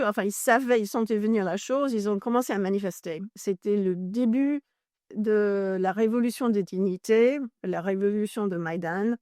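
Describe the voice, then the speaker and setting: Speaking as a guest in an interview, a woman from Ireland who works as a journalist and author gives long explanations, frequently hunting for French words and correcting herself. English is her first language, and her mid-range, slightly mellow voice is captured in studio quality with no room sound.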